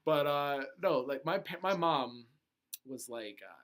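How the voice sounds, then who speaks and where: A man's voice: on the high side, expressive, a little slow, heavy background noise. A young man co-hosting a casual podcast, rambling with lots of "like" and self-corrections. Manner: rambling, full of "like" and restarts. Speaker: podcast co-host. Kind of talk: casual chat.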